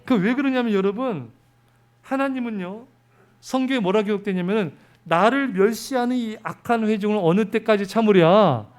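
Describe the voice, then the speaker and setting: A man's voice: high-pitched, moderate pace. A man preaching a sermon as pastor, talking with his congregation and putting questions to them. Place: church sanctuary.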